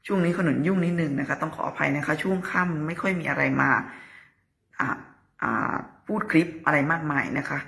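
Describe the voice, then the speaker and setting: A woman's voice: deep voice, gravelly, sharp tone. A woman hosting her own channel, chatting through the news in a casual, opinionated way and asking pointed questions. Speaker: political news commentator.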